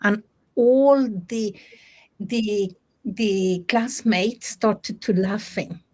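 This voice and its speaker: Slow, halting woman coach. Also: medium pitch, darkish tone. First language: not English. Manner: halting, searching for words, many restarts. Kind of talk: casual group discussion.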